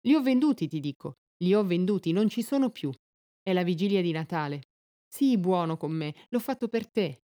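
A woman's voice: on the low side, lively intonation, moderate pace, dark tone, close to an everyday voice. A woman voicing an anxious young wife who pleads earnestly and tenderly. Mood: insistent.

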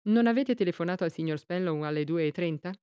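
A woman's voice: fairly low pitch, quick pace, warm tone, clear, resonant tone, no echo, clean studio sound, lightly acted. A woman voicing an officious male village policeman in an audiobook, speaking in a formal, official tone.

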